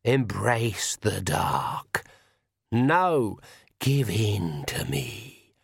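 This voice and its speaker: A dark inner voice tempts in a slow, hushed, insinuating murmur, as a man puts it on. The words drag out and fall near a whisper. The sound is close and dry. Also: mid-range voice, vocal fry, no echo, full character voice. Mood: tempting. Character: her own dark shadow self, tempting whisperer.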